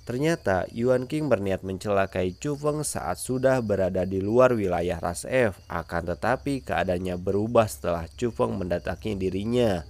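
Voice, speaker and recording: A man narrating a comic-chapter recap as channel host, in a steady storytelling manner. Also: sits low, normal speed. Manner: steady storytelling, friendly sign-off appeals.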